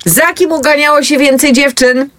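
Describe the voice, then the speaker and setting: A woman's voice: high voice, steady tone, normal speed, fairly bright tone. A woman hosting a casual interview, playful and teasing with her guests. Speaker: host.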